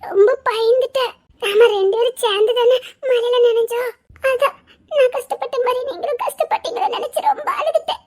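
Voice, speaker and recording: A woman doing a tearful little girl, very high-pitched. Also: steady tone, fairly quick, darkish tone. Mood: tender. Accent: Tirunelveli Tamil. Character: sweet caring little girl, feverish.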